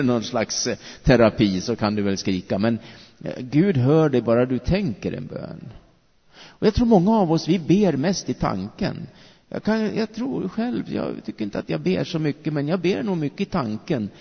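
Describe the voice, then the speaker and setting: Husky-voiced male pastor preaching. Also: mid-range voice. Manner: animated preaching, drawn-out emphatic phrases. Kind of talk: sermon. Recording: dull recording with long hall reverb.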